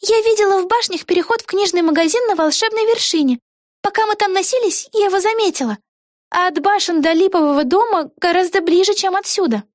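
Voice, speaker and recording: A woman voicing an excitable young girl witch in a storybook, talking fast and exclaiming eagerly in a very high voice. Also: no room sound, clean studio sound.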